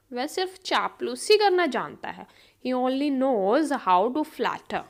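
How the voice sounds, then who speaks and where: A woman teaches English vocabulary. Her voice is high and swings widely in pitch. She reads every example at a very slow, deliberate pace and repeats it word by word. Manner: repeats each English sentence very slowly, word by word. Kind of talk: vocabulary lesson.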